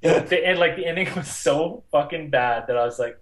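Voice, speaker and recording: A man co-hosting a casual podcast chat, animated and profane, acting out scenes in raised voices. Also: a little fast, echoey room, low-quality recording. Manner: animated, swearing, acts out scenes in high voices. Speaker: podcast co-host.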